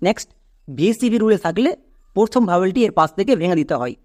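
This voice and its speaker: A woman with a mid-pitched voice gives a step-by-step pronunciation lesson. She is patient and instructive, spells out letters slowly, and stops to check that her students follow. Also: animated, a little mellow. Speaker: English pronunciation teacher.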